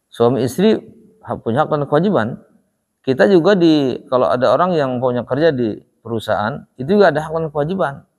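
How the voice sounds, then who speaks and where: A man's voice: mid-range voice, in a large hall. A man teaching a Quran recitation class, who asks his students questions and answers them himself. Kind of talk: classroom lesson with call-and-response questions.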